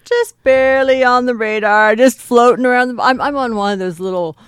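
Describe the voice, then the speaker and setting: A woman's voice: on the high side, a little fast, clear, resonant tone, no echo, studio quality. A woman co-hosting a podcast in casual chat, telling stories in a chatty, giggly way. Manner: chatty storyteller, giggly, acts out quotes. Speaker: podcast co-host.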